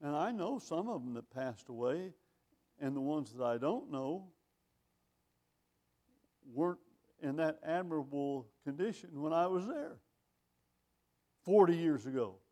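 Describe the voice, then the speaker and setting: An older male preacher with a somewhat high voice delivers a sermon. He talks in a conversational, wry way, reading scripture aloud and asking rhetorical questions. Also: animated, a little slow, pauses often, darkish tone. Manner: reads scripture in older phrasing.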